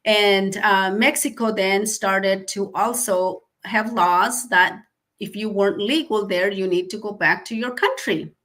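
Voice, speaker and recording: A middle-aged woman from Guatemala whose first language is Mayan, telling her life story earnestly, with frequent um pauses. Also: medium pitch, a bit bright. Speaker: guest speaker. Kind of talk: personal storytelling.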